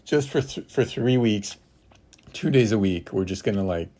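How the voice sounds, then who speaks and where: A man's voice: lowish voice, lively intonation, normal speed, dark tone. A man co-hosting a podcast, ranting sarcastically in casual chat. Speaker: podcast co-host.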